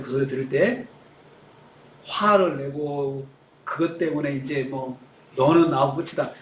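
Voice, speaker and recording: A man's voice: fairly high pitch, echoey room, slight background noise. A male pastor preaching a sermon, acting out quoted lines in shifting voices. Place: church sanctuary.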